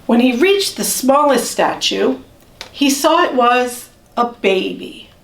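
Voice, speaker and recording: A woman reading a children's story aloud with measured, expressive storytelling. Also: a little high, vocal fry, a little hiss or hum. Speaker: storybook reader. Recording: roomy echo, distant microphone.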